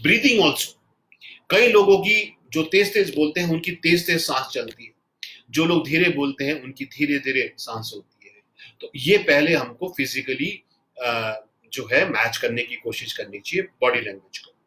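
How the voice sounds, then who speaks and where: A man teaching a spoken tutorial on building rapport. He talks fast and loud, in Hindi mixed with English words. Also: fairly high pitch. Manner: fast, loud and animated, says so himself. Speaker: NLP trainer.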